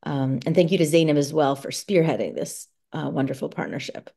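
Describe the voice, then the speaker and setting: Woman with a deep, gravelly, dark voice. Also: animated, fairly quick. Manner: hesitant, many ums and you knows. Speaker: moderator. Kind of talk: casual moderating. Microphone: video call.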